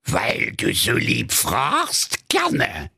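A man voicing a crabby old female witch from a fairy tale, with a raspy, creaky, slow, drawn-out voice. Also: mid-range voice, huge pitch swings, sharp tone, no room sound, studio quality, pitched above the performer's own voice, heavily acted.

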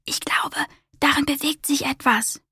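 A woman voicing a playful, gentle male hare in a storybook reading, speaking softly. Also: on the high side, very animated, moderate pace, husky, dry recording, clean studio sound.

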